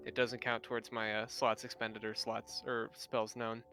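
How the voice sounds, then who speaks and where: A man's voice: fairly low pitch, monotone, moderate pace, sharp tone. A man playing a tabletop role-playing game, moving casually between table talk and speaking in character. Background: music.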